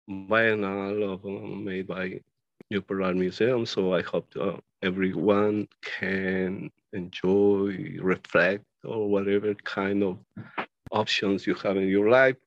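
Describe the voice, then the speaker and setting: A man speaks slowly, stopping often and piling up lists of words as he explains his paintings. The recording is dry and close, without room echo. The sound is a little dull and lo-fi. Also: fairly low pitch, steady tone. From Ecuador. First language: Spanish. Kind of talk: casual talk about his own paintings. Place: his art studio.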